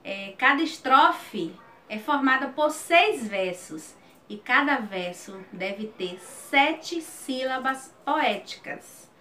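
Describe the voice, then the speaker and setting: Bright, slow-speaking woman teacher. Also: a little high, slight background noise. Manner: explains slowly, then recites rhymed verse with a lilting rise. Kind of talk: recorded video lesson with recited verse.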